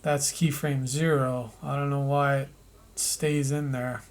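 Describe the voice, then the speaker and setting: A man narrating an animation tutorial, thinking aloud as he works, with pauses and restarts. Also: medium pitch, little pitch movement.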